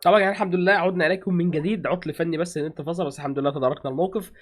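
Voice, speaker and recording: A man with an Egyptian accent chatting casually as a gaming streamer, rattling off quick thanks to donors. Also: on the high side, fairly even intonation. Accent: Egyptian Arabic. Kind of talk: casual game commentary.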